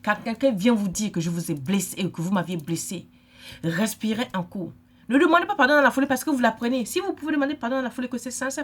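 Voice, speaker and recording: A middle-aged woman from Africa, giving an emphatic, lecturing vlog monologue and repeating her points. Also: a little high. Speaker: vlogger.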